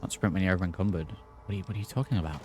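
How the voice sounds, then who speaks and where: A man's voice: low voice, rapid-fire, a little mellow, slight background noise. A man giving casual, off-the-cuff commentary while he plays a video game. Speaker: gaming video host. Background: faint game music.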